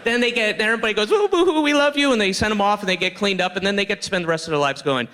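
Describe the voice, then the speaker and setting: A man's voice: sits high, steady tone, very fast, sharp tone, big-room sound. A man doing a rambling stand-up comedy set, slipping in and out of mocking voices.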